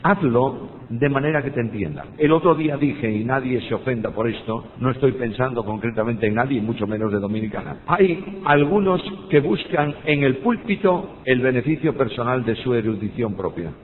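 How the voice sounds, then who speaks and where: With an expressive voice at a moderate pace, an older man from Spain, speaking with that Spanish accent, teaches about preaching through personal stories. He's emphatic and asks his audience rhetorical questions. The recording sounds tinny, like a phone, with long hall reverb and a faint rumble.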